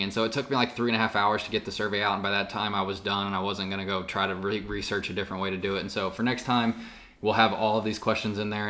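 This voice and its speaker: Man, low and bright, loose co-host chatter with fillers. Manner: chatty, lots of fillers and restarts. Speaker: podcast co-host. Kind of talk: casual chat.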